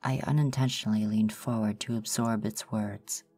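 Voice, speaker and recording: Woman narrator, ASMR horror reading; deep, mellow, measured, formal delivery. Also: steady tone.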